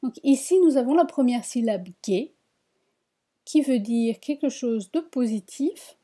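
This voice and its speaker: A woman teaching a reading lesson, spelling out syllables one by one and repeating each word slowly. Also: high voice, lively intonation, mellow. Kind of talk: slow spoken language lesson.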